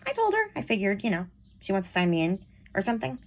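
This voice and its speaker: A woman vlogger with a childish-sounding, mid-range voice chats casually and frankly to camera, rambling with lots of fillers. She talks fast, and her pitch swoops wildly.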